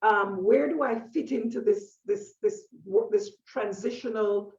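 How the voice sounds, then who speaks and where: A woman around sixty from Jamaica, a painter and author speaking as an interview guest, reflective and thoughtful, often pausing with fillers as she tells her story. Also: mid-range voice, a little mellow. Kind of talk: conversational interview. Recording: echoey, distant, dull sound.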